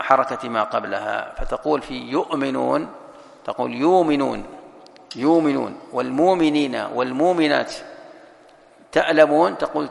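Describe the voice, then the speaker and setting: Sheikh guy teaching a class, super gravelly voice, long hall echo. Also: medium pitch, a bit bright. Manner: explains step by step, repeating words and reciting examples. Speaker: sheikh teaching Quran sciences. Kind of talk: classroom lesson explaining a text.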